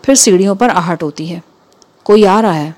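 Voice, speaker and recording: A woman reading a story aloud. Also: lowish voice. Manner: even, measured narration. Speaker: narrator.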